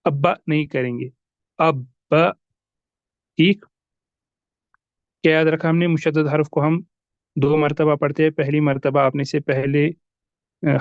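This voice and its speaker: A man's voice: a little high, darkish tone, no room sound, dull audio. Patient man teaching recitation rules. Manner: patient, repeats examples slowly, asks and answers own questions. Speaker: tajweed teacher. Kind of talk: recorded lesson explaining rules.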